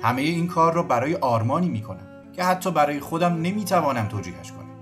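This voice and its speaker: A sad, aristocratic Russian officer, as a male storyteller puts him on, speaks in a raised, lively voice with formal courtesy. The reading has faint music underneath. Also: a little high, pitched above the performer's own voice, close to an everyday voice. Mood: brooding. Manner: melancholy, formal. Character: young Russian army officer, weary, aristocratic.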